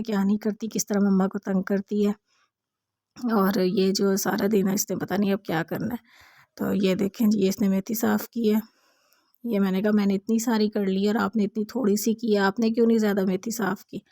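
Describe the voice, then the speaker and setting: A woman's voice: medium pitch, darkish tone, dry recording, clean studio sound. A young woman, a mother chatting casually to her viewers in a home vlog. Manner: chatty, addresses viewers directly. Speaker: vlogger, mother.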